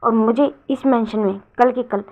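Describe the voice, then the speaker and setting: A woman voicing a cold, bitter young man who is a protective parent, speaking in low, clipped orders. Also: fairly even intonation, normal speed, gravelly, phone-quality sound.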